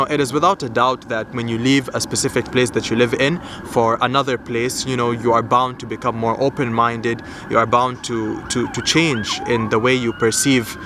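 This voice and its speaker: Young male vlogger from Malaysia, mid-pitched, earnest and rambling, outdoors with faint traffic behind. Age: young adult. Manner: earnest, rambling, repeats words and restarts with many "you know". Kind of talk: casual outdoor vlog talk.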